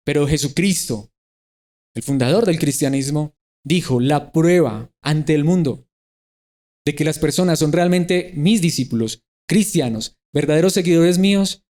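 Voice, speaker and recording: A middle-aged man gives a sermon in a church, putting question after question to his listeners. His voice sits a little high for a man but has a dark, mellow tone. He slips into the voices of the people he quotes. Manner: asks the listeners many rhetorical questions. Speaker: preacher.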